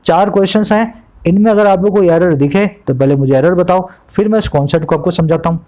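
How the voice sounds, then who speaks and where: High-voiced man teaching English grammar. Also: mellow, poor audio. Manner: teacherly, asks the class questions, reads English slowly word by word. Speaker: English tutor. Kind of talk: explaining a newspaper editorial in Hindi with English terms.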